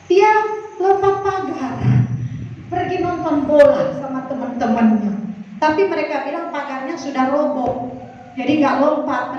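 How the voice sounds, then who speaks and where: A woman's voice: high voice, darkish tone. A middle-aged woman pastor preaching a sermon, telling personal stories in a chatty way and acting out the voices in them. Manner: chatty storytelling, acts out voices in quotes. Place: church hall. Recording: echoey hall from far off, dull sound.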